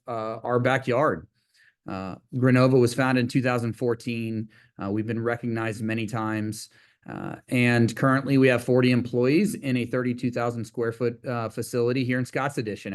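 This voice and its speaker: Middle-aged man heard over a video call, from Virginia, friendly executive presenting, mid pitch. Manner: upbeat, conversational, many fillers. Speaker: company CEO presenting. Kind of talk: business webinar presentation.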